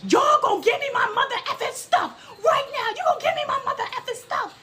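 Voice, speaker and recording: A woman putting on the voice of an enraged young woman guest who shouts and curses in a high, shrill voice. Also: rapid-fire. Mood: furious. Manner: shrill, yelling, cursing.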